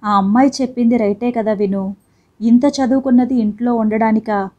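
A woman reading the part of an elderly, ailing father-in-law who speaks softly and wearily. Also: a little high, steady tone, moderate pace, highs cut off, lightly acted. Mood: weary. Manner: soft, tired pleading.

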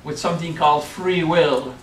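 In an echoey hotel meeting room recorded by a distant camera, a middle-aged French-accented man gives a playful spiritual workshop talk. His voice is on the high side at a moderate pace, with some hiss or hum, and he keeps asking "okay?".

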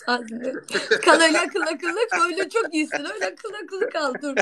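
A woman's voice: very high voice, lively intonation, normal speed, bright, forceful tone. A woman guesting on a casual live stream, teasing the host and swearing often.

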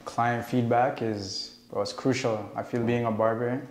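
A young man from Canada, a barber talking in a relaxed, casual way as a guest on a studio interview, on a lapel mic. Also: mid-range voice, a little slow. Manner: laid-back, relaxed, leans on "like" and "bro". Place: studio set, indoors. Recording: echoey room.

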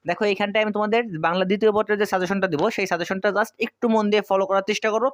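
A young man from Bangladesh tutoring exam students, firing off points quickly and answering his own questions as he repeats key facts. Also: high-pitched, steady tone, dry recording, studio quality. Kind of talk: fast exam-prep lesson.

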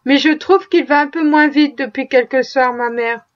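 A quiet teenage son speaks in a hushed, subdued way, as a woman narrator puts him on. His voice drops a bit lower and softer than the telling. The recording is dull and lo-fi. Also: normal speed, lightly acted.

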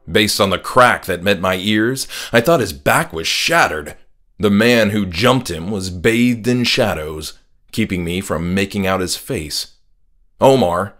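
Here an author voices his own horror audiobook, telling it dramatically in the first person from a script. His voice is somewhat low and a touch bright, with background music throughout.

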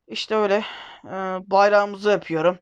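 A man's voice: high-pitched, steady tone, moderate pace, clean tone, highs cut off. A man hosting a casual let's-play, rambling, joking and correcting himself as he goes. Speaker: gaming video host.

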